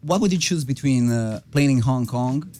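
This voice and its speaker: A man's voice: mid-range voice, warm tone, faint music behind. Male radio host. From Romania. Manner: short questions, halting non-native phrasing. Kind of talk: radio interview. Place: radio studio.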